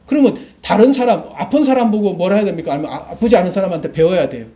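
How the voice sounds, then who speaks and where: A man's voice: high-pitched, animated, very fast, dark tone. A middle-aged man preaching a sermon as pastor. He asks the congregation questions and then answers them himself.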